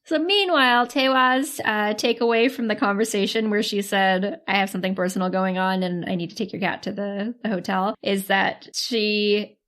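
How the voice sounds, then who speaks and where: A woman's voice: medium pitch, steady tone, normal speed, hardly any pauses, a bit bright. A woman co-hosting a podcast, casually recapping a drama and acting out the characters' lines with frequent laughter. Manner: laughs often, acts out quoted voices. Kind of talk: casual chat.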